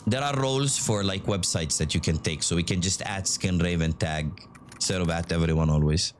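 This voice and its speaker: A man commentating his own live gaming stream, reacting loudly and swearing often. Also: deep voice, a little fast, a little hiss or hum.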